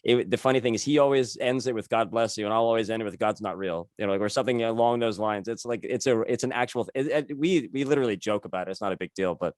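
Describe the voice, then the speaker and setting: In clean studio sound with no echo, a podcast host in his thirties speaks fast at a fairly low pitch, hardly pausing. Hosting a relaxed interview, he wanders off on tangents, fixes his own wording mid-sentence and laughs lightly while talking.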